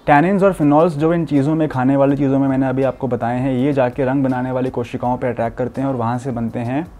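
A young doctor from India explains health advice to camera in an earnest, explanatory way, mixing English medical terms into his speech. He talks at a quick pace in a warm, mid-range voice with a flat delivery. He's indoors in a furnished studio room with curtains.

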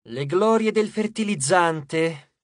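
An audiobook narrator voicing a kind teenage demigod girl who speaks gently and with concern. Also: mid-range voice, expressive, takes it slowly, no room sound, clean studio sound.

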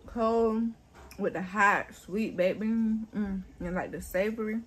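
A woman's voice: mid-range voice, steady tone, slow. A young woman, hosting an eating show, chatting casually to viewers and humming with pleasure while talking with her mouth full. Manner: savoring, humming with pleasure between bites. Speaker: mukbang host.

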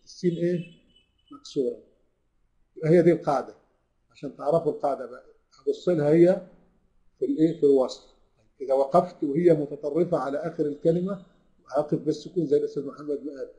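A man with an Egyptian accent teaching tajweed to an online class, who puts questions to his students, answers them himself, and draws the recited verses out slowly. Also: fairly high pitch, mellow, low-quality recording. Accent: Egyptian Arabic.

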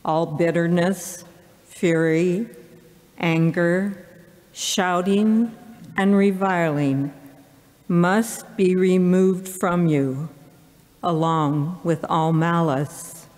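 A middle-aged woman reading scripture at a lectern, deliberately, pausing between phrases. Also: lowish voice, fairly even intonation, a little mellow. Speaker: church lector. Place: large church, at the lectern. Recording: long church hall reverb.

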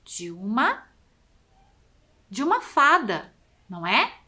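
Slow, bright Brazilian woman teacher. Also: fairly high pitch, huge pitch swings. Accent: Brazilian Portuguese. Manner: syllable-by-syllable, exaggerated enunciation. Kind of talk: slow, drawn-out classroom instruction for children.

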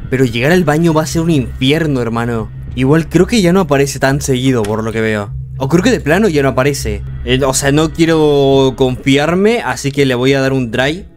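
A man's voice: mid-range voice, moderate pace, few pauses, faint music behind. Panicky young man doing horror gameplay. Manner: jumpy, yelps and shouts in panic, then mutters. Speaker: gameplay streamer.

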